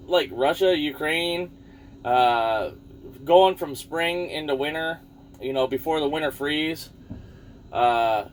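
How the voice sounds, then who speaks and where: A man's voice: fairly high pitch, slight background noise. A man rambling casually about the news to his viewers, losing his thread now and then and swearing offhand. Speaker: vlogger.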